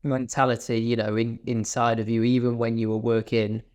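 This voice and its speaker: A man's voice: medium pitch, level tone, moderate pace, darkish tone. A man hosting a podcast, asking curious questions and sharing his own experiences in casual conversation. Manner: curious, affirming listener. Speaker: podcast host.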